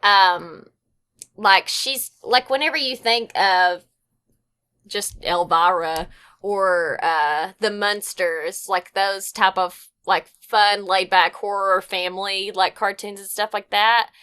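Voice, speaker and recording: A woman's voice: medium pitch, slow pace, pushed and bright, clear, resonant tone. A young woman guest on a podcast, chatting casually and rambling a bit, with frequent fillers and restarts. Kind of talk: casual chat.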